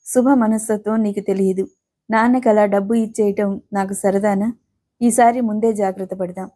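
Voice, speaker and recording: A woman reading the part of a calm, responsible young working woman who reasons firmly with her brother. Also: medium pitch, moderate pace, close to an everyday voice. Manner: firm, reasoning.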